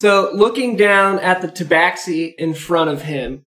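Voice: medium pitch, measured pace, a bit bright. A player in a tabletop game, talking methodically about the rules. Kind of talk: casual tabletop play.

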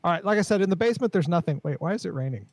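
A man's voice: high-pitched, lively intonation, rapid-fire, darkish tone, no echo. A man running a tabletop game as game master, laid-back, often laughing and repeating himself.

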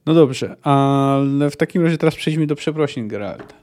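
A man's voice: on the high side, normal speed. Man reading and discussing a novel. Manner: relaxed, thinking aloud with fillers. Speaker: podcast host. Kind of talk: book reading and commentary.

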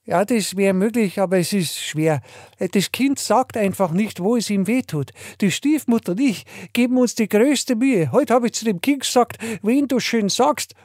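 A man's voice: sits high, expressive, normal speed, darkish tone, no room sound, clean studio sound, voice pushed up. A man playing a muddled, hesitant male customer who stammers through his answers. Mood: bumbling.

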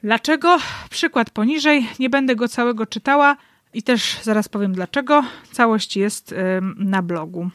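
A woman's voice: fairly high pitch, moderate pace, a bit bright, no echo. Woman doing book commentary, wry and kinda ironic, super dry close mic. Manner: wry, analytical, dryly ironic. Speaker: book reviewer. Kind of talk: literary commentary with read-aloud excerpts.

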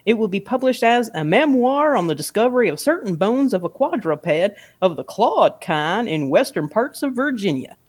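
A woman's voice: mid-range voice, sing-song, normal speed, few pauses, a little mellow, breathy edge. A woman co-hosting a podcast, reading historical trivia and adding wry quips. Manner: wry quips after facts. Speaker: podcast co-host.

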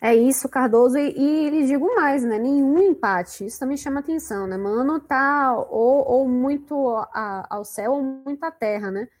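A woman's voice: high-pitched, normal speed, few pauses, a little mellow. A woman hosting a football talk show, chatting and handing questions to her co-hosts. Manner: conversational, asks guests for analysis. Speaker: show host.

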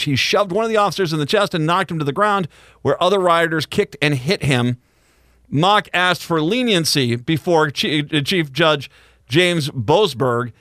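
A man hosting a radio talk show, speaking in an animated, conversational and emphatic way. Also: on the high side, dry recording, studio quality. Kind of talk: live radio talk and news commentary.

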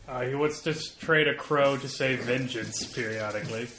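Guy playing a tabletop game, normal pitch, just chatting, echoey with bit of noise. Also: normal speed. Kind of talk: casual table chat. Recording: echoey room, noisy, clicks.

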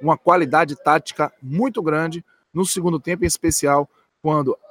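A man's voice: fairly high pitch, moderate pace, a bit bright, no echo. A man giving post-match football analysis from a stadium's stands, speaking emphatically and repeating key points.

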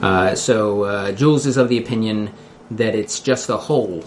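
A man with a Philadelphia accent hosting a casual podcast in a halting, loosely scripted way. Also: fairly low pitch, a little hiss or hum. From Philadelphia area, United States. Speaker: podcast host.

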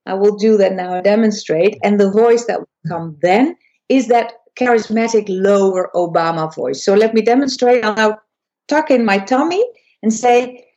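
A woman who is a voice and persuasion coach, explaining to an interviewer, with frequent restarts and high and low demonstrations. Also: moderate pace, a little mellow, highs cut off. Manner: demonstrates pitch shifts, squeaky high then low voice. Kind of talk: interview conversation.

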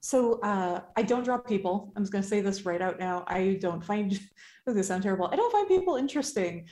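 A woman's voice: medium pitch, animated, a little fast, dark tone. A woman chatting casually as a podcast guest, with a self-deprecating, joking way of talking, recorded in an echoey indoor space. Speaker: guest artist. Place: indoors in an artisan shop space. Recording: echoey room.

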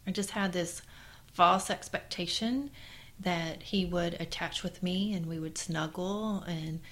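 Woman, co-host, lower voice, earnest, heartfelt, many fillers, storytelling. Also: measured pace, fairly bright tone. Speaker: co-host, mother. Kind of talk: casual conversation, personal storytelling.

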